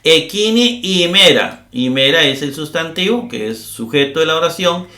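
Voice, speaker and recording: A man's voice: a little high, animated, sharp tone. Echoey middle-aged man teaching grammar. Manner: explains slowly with many "eh" fillers and tag questions. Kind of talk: recorded lecture.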